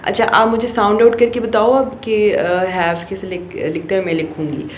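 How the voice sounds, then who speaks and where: A woman's voice: mid-range voice, normal speed, reverberant, a little hiss or hum. A woman teacher guiding parents through a phonics rule, mixing Hindi-Urdu and English and often checking in with "okay?". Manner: acts out the child's answers in a lively voice.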